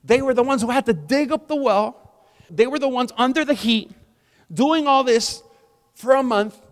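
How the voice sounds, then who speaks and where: A pastor in his forties delivers a sermon in a very high-pitched voice at a normal speed. His style is conversational but rises to emphatic peaks, and the recording carries long hall reverb.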